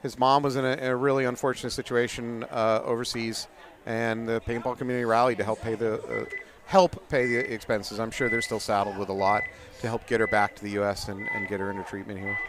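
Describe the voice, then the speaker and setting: A man's voice: lowish voice, flat delivery, quick pace, background noise. A man co-hosting live paintball commentary in a chatty, joking way. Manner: joking, chatty, laughs often.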